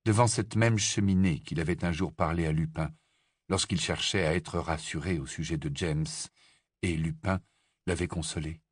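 A man narrating an audiobook with a measured, dramatic storytelling delivery. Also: sits low, slightly rough, no room sound, clean studio sound. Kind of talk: scripted narration.

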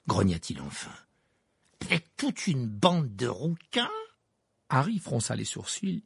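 A man reading an audiobook in expressive scripted narration. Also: medium pitch, creaky, slightly rough, dry recording.

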